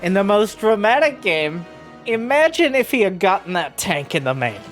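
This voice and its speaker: A man's voice: high voice, big pitch swings, moderate pace, a bit bright. A man giving live play-by-play commentary on a video game match, exclaiming animatedly as play turns. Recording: music behind the voice. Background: music.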